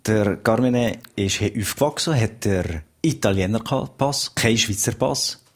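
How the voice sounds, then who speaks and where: A man with an Upper Valais Swiss German accent, hosting a relaxed radio interview and asking short leading questions. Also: on the low side, a little slow. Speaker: radio host. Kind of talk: conversational interview.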